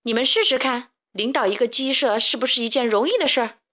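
A woman's voice: on the high side, fast, sharp tone. A woman voicing an indignant rooster father who leads a chicken coop, in a children's storybook. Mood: angry. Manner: huffy, indignant.

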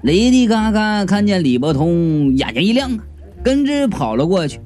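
A man's voice: high-pitched, very animated, moderate pace, a little mellow. A man narrating a comic story in a playful, wry manner. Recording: faint background music.

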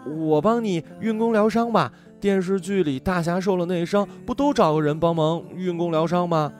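A man voicing a feisty, teasing tomboyish village girl in a storybook reading, with a raised, bright put-on voice. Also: fairly quick, faint music behind. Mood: eager. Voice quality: high, bright put-on girl's voice. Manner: sassy and lively.

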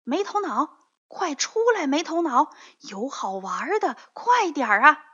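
A woman voicing a contrary, bossy schoolboy in a children's story, calling out loudly and urgently. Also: high voice, big pitch swings, a little slow, pitched above the performer's own voice. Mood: urgent, excited. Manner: loud, urgent, demanding calls. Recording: dull lo-fi recording.

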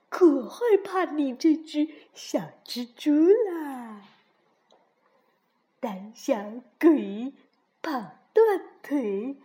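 A woman's voice: sits high, warm tone, exaggerated voice. A woman voicing a cheeky male frog who talks in a teasing, playful, sing-song way.

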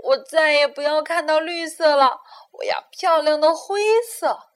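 A woman's voice: high-pitched, expressive, takes it slowly, vocal fry, pitched above the performer's own voice, full character voice. A woman voicing a shy, earnest little green male wolf in a children's storybook. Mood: insistent. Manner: timid and earnest, then insistent.

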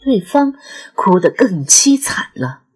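A woman narrating a suspenseful audiobook in an expressive storytelling manner. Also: medium pitch, slow pace, breathy edge.

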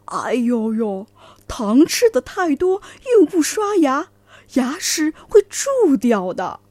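A woman voicing a lion in a children's story, warning a friend in a drawn-out way. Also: high voice, very animated, a little mellow, no room sound, exaggerated voice. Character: concerned lion friend giving advice.

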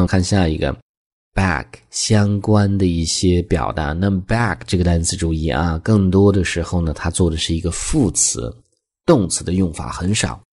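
Husky, low-voiced male English teacher. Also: a little mellow. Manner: reads English example lines slowly and higher, explains quickly in Chinese. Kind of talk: scripted language lesson.

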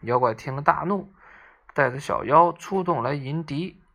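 A storyteller reads a classic tale for children with lively, expressive narration. The voice is gravelly, with plenty of fry. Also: medium pitch, moderate pace.

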